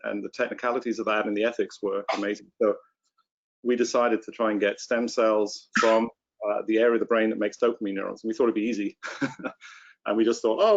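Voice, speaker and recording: A man with a British accent, a scientist guest, answering questions in a relaxed, anecdotal way. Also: fairly low pitch, highs cut off. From England. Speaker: stem cell scientist guest. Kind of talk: conversational interview answer.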